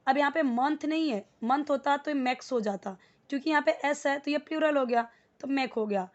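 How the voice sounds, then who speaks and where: Hindi-speaking woman teaching English slowly. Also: high voice. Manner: explains step by step, repeats words slowly for practice. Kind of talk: Hindi spoken English lesson. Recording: dull lo-fi recording.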